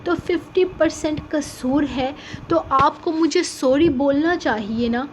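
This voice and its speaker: A woman's voice: sits high, slight background noise, voice pushed up, natural voice. A woman voicing a sulky, tearful young wife in an audiobook novel reading, speaking in a pouting tone.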